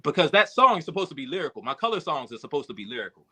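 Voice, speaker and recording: Reflective man, bright forceful voice. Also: on the high side, very animated, rapid-fire, husky. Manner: emotional, reflective, many fillers and restarts. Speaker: podcast guest, rapper and producer. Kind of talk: candid conversational storytelling.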